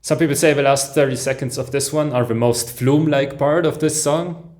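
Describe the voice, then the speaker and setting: A man reacting live to an album, commenting enthusiastically with soft "ooh"s and chuckles, often breaking off and restarting sentences as he listens. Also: mid-range voice, fairly even intonation, fairly quick. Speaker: music reaction host.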